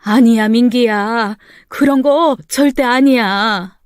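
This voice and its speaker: A woman voicing a gentle middle-aged mother who speaks softly and apologetically in a story. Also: on the high side, takes it slowly, smooth, no room sound, clean studio sound, pitched above the performer's own voice. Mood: pleading. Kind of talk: storytelling narration.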